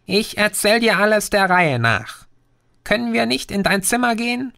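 Pushy little green dwarf , done by a male reader, pitched well up, coaxing and cheeky; storybook. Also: sing-song, normal speed, creaky, bright, forceful tone, heavily acted.

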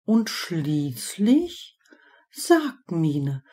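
A woman voicing a dreamy, languid teenage witch who speaks slowly. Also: fairly low pitch, very animated, dark tone, slightly rough, exaggerated voice.

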